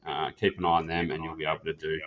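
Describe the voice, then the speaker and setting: A man with a very deep voice talks fast and completely flat, with crowd noise behind him and a dull, muffled lo-fi sound. He's an instructor demonstrating an office phone system, giving an informal tutorial in a casual, plain-spoken, practical way, walking a learner through each step.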